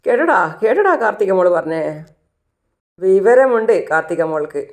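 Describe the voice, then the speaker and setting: A man's voice: high-pitched, sing-song, normal speed. A narrator voicing a proud, jovial father who boasts about his son.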